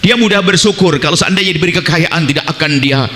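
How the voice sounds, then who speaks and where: A man preaches a lively, conversational sermon, slipping into a lower voice to act out people's prayers. His voice is bright and fairly high. It rings the long reverb of a hall. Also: quick pace.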